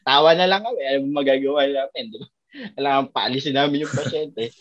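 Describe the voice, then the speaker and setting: Guy doc telling er stories, super animated, laughs a lot, kinda dull lo-fi sound. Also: medium pitch, a little fast. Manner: animated, laughs a lot, acts out voices in anecdotes. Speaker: doctor and podcast host. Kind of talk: casual storytelling chat.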